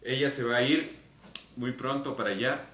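A man's voice: mid-range voice, moderate pace, a bit bright, slight background noise. A young man from Ecuador, a podcast co-host chatting casually among friends in a bar, telling laughing stories and mimicking voices. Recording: echoey room, mic at a distance.

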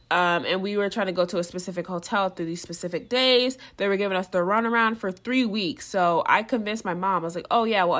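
A young woman telling a story in casual chat, full of "like" fillers, who acts out the voices of others as she talks. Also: mid-range voice. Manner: chatty, lots of "like" fillers; animated, acts out what others said.

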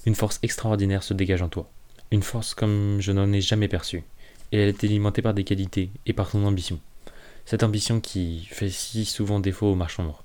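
Brief: a sweet, seductive woman who persuades gently, read by a man in his own low, dark voice. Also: fairly even intonation, fairly quick, lightly acted. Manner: soft, honeyed persuasion.

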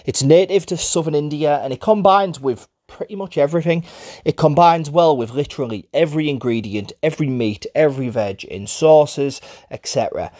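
A man's voice: fairly high pitch, moderate pace, darkish tone, dry recording, studio quality. A man with a Middlesbrough Teesside accent, presenting an informal explainer for a spice brand. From Middlesbrough, England.

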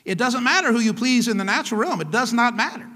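High, bright-voiced preaching pastor. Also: male voice, lively intonation, fast. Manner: emphatic call-and-response preaching. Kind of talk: sermon. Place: church. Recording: church hall reverb.

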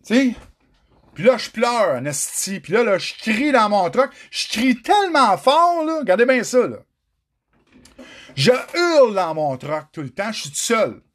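Speaking in a high, fairly bright voice, this middle-aged Québécois man addresses viewers directly. His monologue is raw and emotional, full of curses, as he recounts his own story.

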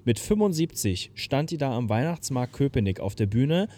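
Animated young man telling a story. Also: mid-range voice, moderate pace. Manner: animated, bursts into loud shouted impressions. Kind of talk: casual storytelling chat.

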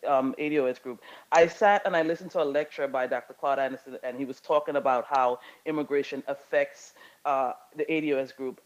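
A man from Guyana and Brazil speaking in a casual discussion, halting, with many fillers and restarts. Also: on the high side. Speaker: participant in an audio chat room. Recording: dull lo-fi audio.

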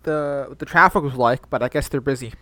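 A man's voice: medium pitch, fairly quick, sharp tone. A man co-hosting a comedy podcast, playing along with bits in a dry, casual way. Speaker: podcast co-host.

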